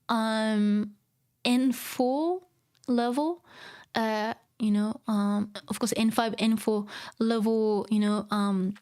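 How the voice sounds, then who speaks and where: Streaming a manga reading, a Japanese teacher explains her language in English, sounding chatty and encouraging with lots of fillers like "um" and "you know." Her pitch is fairly high and slightly mellow.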